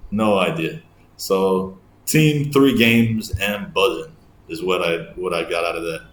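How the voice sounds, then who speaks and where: Deep-voiced English man explaining casually. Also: measured pace, echoey room, slight background noise. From England. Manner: chatty, explanatory, thinking aloud. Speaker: host, English teacher.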